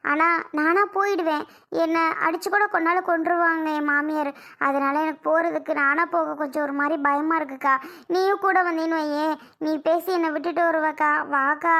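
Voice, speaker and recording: A woman's voice: high voice, bright, forceful tone. A woman playing an anxious young mother who insistently pleads to go back to her child, in an amateur family drama skit.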